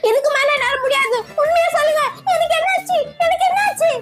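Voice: extremely high pitch, fast, loud music behind the voice. A performer voicing a panicky little girl in a cartoon who wails dramatically and thinks she has become a scorpion. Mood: hysterical. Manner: wailing, melodramatic.

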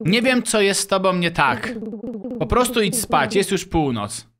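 A man's voice: high-pitched, sing-song, a little slow, over music. A man voicing a stern mother in a video game who scolds her son in a matter-of-fact way. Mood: scolding.

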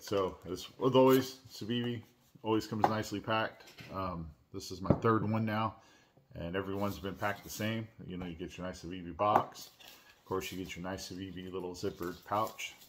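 A man hosting his own channel, unboxing and reviewing a pocket knife in a relaxed, chatty way with lots of "uh"s and restarts. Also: low-pitched, moderate pace, very noisy. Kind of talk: casual unboxing and product review. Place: at home.

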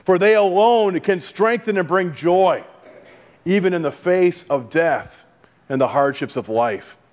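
A middle-aged man speaking as a pastor at a funeral, reading liturgy and prayers in a solemn, measured, formal way. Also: high voice, animated, darkish tone. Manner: solemn, measured, formal delivery with falling phrase endings. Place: large church sanctuary, indoors before a congregation. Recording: reverberant church hall.

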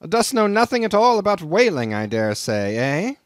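A suspicious old sea captain, as a male reader puts him on blusters in old-fashioned thee-and-thou speech. His voice sits raised and loud, with a lively, swinging pitch. The sound is dry and close. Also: moderate pace, dry recording. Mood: gruff, blustering. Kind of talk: audiobook character voice.

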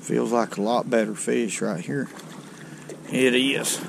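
Here the same kind of drawling older host talks fishing how-to from a small boat on a river, wandering folksily through his tackle. His mid-range voice is slow and has vocal fry. Picked up by an action camera on the boat, the background is noisy.

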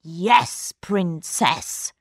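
A woman voicing a scheming older male magician in a read-aloud storybook, stretching his words slowly and slyly. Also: fairly low pitch, husky, no room sound, studio quality, heavily acted. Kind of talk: storybook reading.

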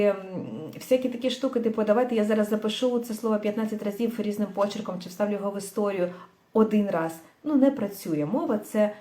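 A woman teaching a language lesson on a livestream, speaking thoughtfully with frequent pauses and fillers, and mixing in English words. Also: medium pitch, a little mellow, roomy sound.

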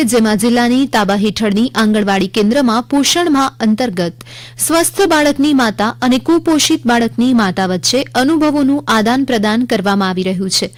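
A woman with a Gujarati accent reading a scripted regional radio news bulletin in a measured, formal way. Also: on the high side, no room sound. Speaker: news reader.

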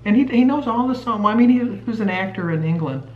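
A woman's voice: fairly high pitch, animated, quick pace, slight background noise. A woman in her sixties chatting casually on a home vlog, rambling with lots of fillers. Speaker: vlog co-host. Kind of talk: casual chat. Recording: roomy, dull lo-fi sound.

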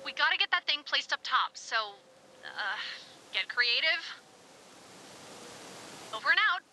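A sardonic voice over a walkie-talkie. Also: female voice, sits high, lively intonation, bright, forceful tone, a little hiss or hum, full character voice. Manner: quick, breezy and sardonic. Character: brisk, sardonic woman directing over radio. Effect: walkie-talkie radio.

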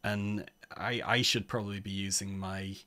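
A palaeontologist from Manchester, England hosts a gaming stream in his Mancunian accent, narrating a text adventure and breaking off for chatty jokes at his own expense. He speaks at a normal pace in a low, pushed, bright voice with little pitch movement, over background music.

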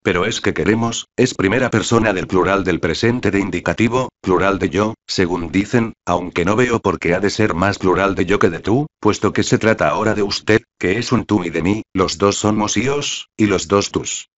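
A man's voice: fairly low pitch, moderate pace, few pauses, lo-fi sound, natural voice. A man reading a smug, talkative young man who lectures his rival ironically in an audiobook. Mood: ironic.

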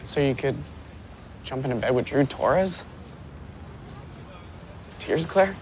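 Teen drama part: volatile, bitter, troubled boy, animated pitch over faint noise. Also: slow pace. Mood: bitter, accusing. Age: young adult.

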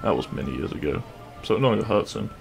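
Playing a cheeky but kind-hearted bandit prince, this man uses a gravelly voice and a teasing, reassuring manner in an intimate audio roleplay. He's lowish and expressive, talking fast, with soft music in the background.

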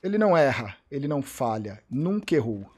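Excitable Brazilian man calling a match. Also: mid-range voice, brisk, breathy edge. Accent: Brazilian Portuguese. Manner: excitable, repeats short cries, swears often. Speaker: streamer commentating an esports match. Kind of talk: live game reaction commentary.

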